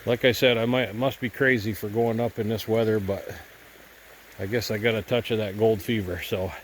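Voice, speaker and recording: Out by a cold stream, a gold prospecting vlogger with a head cold narrates casually, rambling a little and thinking aloud. His voice is on the low side with a steady tone at a moderate pace, and the audio is poor, with a little hiss or hum.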